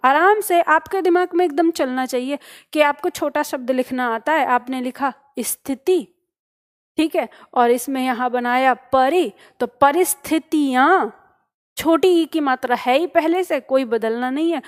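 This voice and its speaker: A woman's voice: high-pitched, measured pace. A woman teaching a spelling lesson to exam students, explaining step by step and often checking that they follow. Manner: asks questions and answers them herself. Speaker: Hindi teacher.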